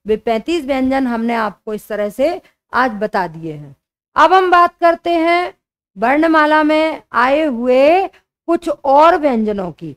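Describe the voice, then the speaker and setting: Woman teacher, young adult, high voice, unhurried delivery, patient repetition of key points, exam-prep grammar lesson. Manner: slow, explanatory, repeats key points.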